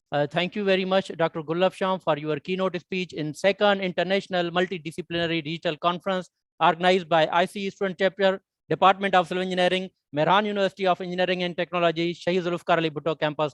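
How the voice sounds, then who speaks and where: A man's voice: sits high, a bit bright, clear, resonant tone, no echo. A man speaking as a conference host, making formal, courteous announcements.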